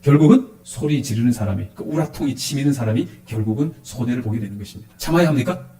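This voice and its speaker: A pastor gives a quick sermon in an echoey church, his pitch lively and his manner animated. He keeps putting questions to the flock.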